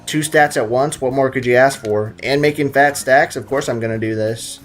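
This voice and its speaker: Medium-pitched and at a moderate pace, this young let's-player jokes loosely and rambles with excitement as he comments on his game. Faint game music runs in the background of his YouTube video.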